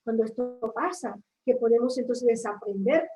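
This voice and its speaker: A woman's voice: on the high side, moderate pace, echoey room, distant mic, music in the background, low-quality recording. A woman from a church ministry, reflecting on faith in a casual chat and checking for agreement with tag questions.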